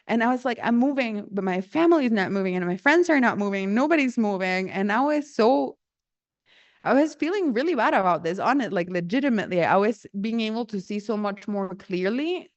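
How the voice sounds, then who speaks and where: A woman's voice: medium pitch, expressive, fairly quick, lo-fi sound. A woman telling a personal story in a casual way, laughing often and acting out the dialogue she quotes.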